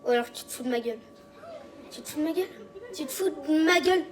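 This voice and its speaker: A woman's voice: high-pitched, fast, close to an everyday voice. A woman playing an exasperated scolding parent. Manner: scolding, bossy, sarcastic. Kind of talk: stage acting. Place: theatre stage.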